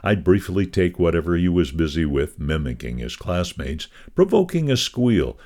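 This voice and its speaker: A man with a very low voice reads a devotional magazine column aloud in a measured, scripted way. His intonation swings widely and lively, and his delivery stays steady and expressive throughout.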